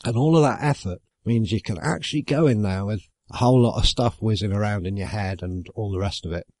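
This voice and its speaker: A man, musing aloud in a relaxed, rambling way about acting, often stopping to correct himself and adding wry asides. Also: fairly low pitch, fairly quick, no room sound, studio quality. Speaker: amateur actor. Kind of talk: casual reflective monologue.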